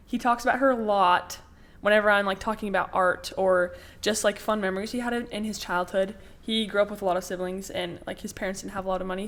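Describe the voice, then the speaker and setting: A teenage girl as a podcast guest who talks excitedly and laughs often. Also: mid-range voice. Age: teens. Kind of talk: casual chat.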